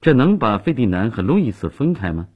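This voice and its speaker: A man voicing a ruthless older chancellor in a low, gruff tone, in a radio story. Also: very animated, brisk, narrow, tinny audio. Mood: scheming.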